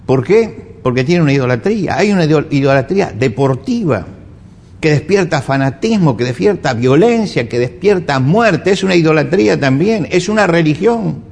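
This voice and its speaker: Argentine preacher with a lively delivery. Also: male voice, on the high side, moderate pace, gravelly. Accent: Argentine Spanish. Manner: emphatic, rhetorical questions, repeats phrases. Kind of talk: sermon. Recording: echoey hall with faint ambience.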